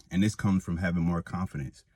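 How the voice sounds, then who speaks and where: Talking casually to camera, a young vlogger tells a rambling personal story, restarting often and leaning on fillers. He has a deep, dark, husky voice with a slight lisp, speaking steadily at normal speed.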